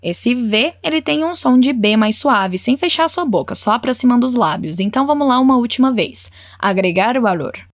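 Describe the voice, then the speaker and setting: A woman's voice: fairly high pitch, expressive, dry recording, clean studio sound. Encouraging woman teaching Spanish phrases. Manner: encouraging, models phrases slowly and clearly. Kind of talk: language lesson with repeat-after-me drills.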